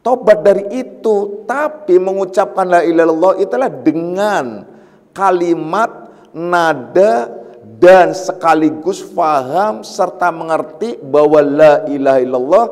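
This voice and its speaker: A man's voice: high-pitched, animated, unhurried, darkish tone. Man teaching a religious lecture in a reverberant hall. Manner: explains patiently with repetition and everyday examples; warns emphatically. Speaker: Sufi teacher giving a night study session. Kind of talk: religious lecture on a classical text.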